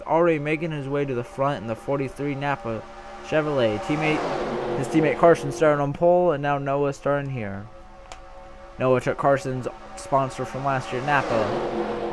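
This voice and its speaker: A young man giving casual play-by-play commentary on a simulated stock car race, rambling and often correcting himself, getting excited when the racing gets close. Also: medium pitch.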